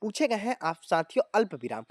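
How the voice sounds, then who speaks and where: A man's voice: high-pitched, sing-song, fairly quick, darkish tone, dry recording, clean studio sound. A man teaching a grammar lesson to exam students, explaining step by step and often addressing viewers as friends. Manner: explanatory, often calling viewers "friends" and adding tag words.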